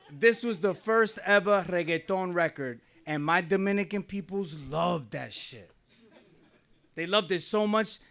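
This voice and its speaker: A middle-aged man from New Jersey, USA, shares a wry, conversational story from his life before a small live crowd, laughing often. His high voice is gravelly and bright, with a forceful tone.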